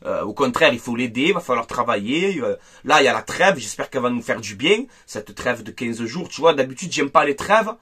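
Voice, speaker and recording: A man hosting a casual football debrief, angry and animated, repeating himself and talking straight to his viewers. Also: medium pitch, fairly quick, few pauses, breathy edge. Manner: angry, animated and repetitive, addressing viewers directly. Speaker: football fan video host.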